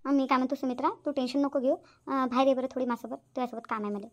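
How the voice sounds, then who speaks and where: Brief: advice-giving cartoon auntie, voiced by a woman, quick delivery. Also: high-pitched, little pitch movement, dull audio, natural voice. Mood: coaxing. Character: meddling middle-aged neighbor aunt, advising. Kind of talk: cartoon voice acting.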